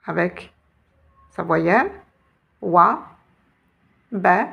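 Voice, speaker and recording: A woman's voice: lowish voice, animated, drawn-out words, creaky, bright, forceful tone, husky, muffled recording. A woman teaching a lesson, patiently guiding learners step by step and spelling out letters. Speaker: Arabic teacher.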